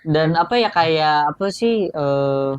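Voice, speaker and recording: A young man co-hosting a casual podcast chat, talkative and quick to laugh, with many asides. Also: on the high side, animated, clean tone, no echo, muffled recording. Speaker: podcast co-host. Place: small room at home.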